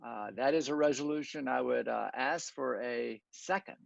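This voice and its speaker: A man chairing a virtual public meeting, reading a formal resolution in a flat, even tone. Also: medium pitch, normal speed, vocal fry, dry recording. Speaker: commission chairman. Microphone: video call. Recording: dull dry lo-fi video call audio.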